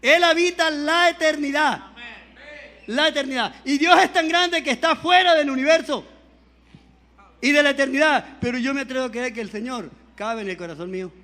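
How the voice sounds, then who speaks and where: A male Pentecostal preacher giving a fervent sermon, swinging between quiet pleading and shouting, calling on the congregation for amens. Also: very high-pitched, normal speed.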